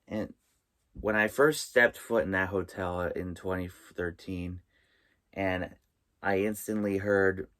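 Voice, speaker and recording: A man with a low voice hosts his own vlog inside a small trailer. He talks slowly and haltingly, often pausing partway through a sentence as he presents his list. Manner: halting, with pauses mid-sentence. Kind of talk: vlog presenting, tips and top-five countdown.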